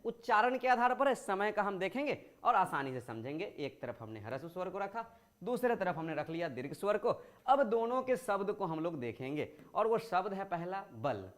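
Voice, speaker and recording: A man's voice: sits high, big pitch swings, normal speed. A male teacher giving a grammar lesson to school students. He explains patiently, poses questions and answers them himself, and draws out words to show vowel length.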